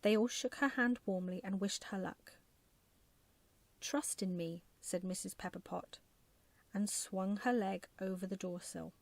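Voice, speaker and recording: Soft, creaky woman reading a bedtime story. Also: medium pitch, fairly even intonation, moderate pace, dry recording. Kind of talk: soft ASMR scripted storytelling.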